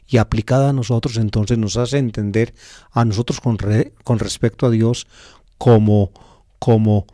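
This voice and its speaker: A male priest giving a gospel reflection in a teacherly, explanatory way, pausing on fillers and repeating key phrases for emphasis. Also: fairly low pitch, warm tone.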